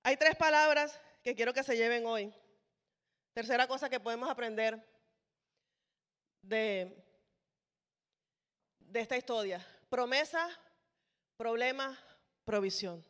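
A woman preaches with passion, pressing her listeners with emphatic rhetorical questions. Her voice is high and bright, and each phrase trails into the long reverb of a large hall. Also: slow, pauses often. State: sweaty, toweling off. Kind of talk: sermon.

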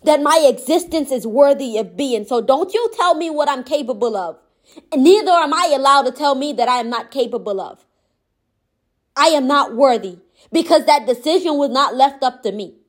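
Woman, high voice, impassioned motivational monologue, gentle but firm delivery. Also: animated, normal speed. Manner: impassioned, repetitive emphatic phrasing.

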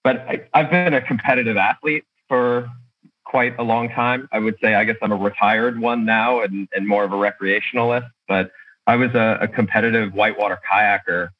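A man's voice: on the low side, fairly even intonation, normal speed, highs cut off. A man speaking as a podcast guest, casually telling his own story over a remote call.

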